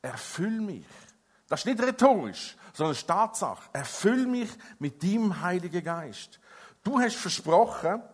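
A middle-aged man preaching a sermon as an evangelist, emphatic, swinging between loud stresses and quiet, intimate passages. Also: sits high, husky.

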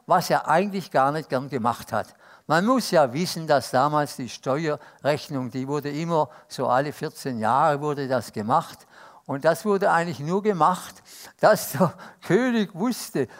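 A man giving a sermon, reflective and unhurried, pausing with fillers as he explains. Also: fairly high pitch. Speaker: preacher.

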